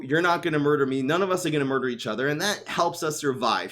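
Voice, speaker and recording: A man giving a calm, step-by-step explanatory commentary as a video essayist. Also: on the high side. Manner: calm, methodical, laying out arguments step by step.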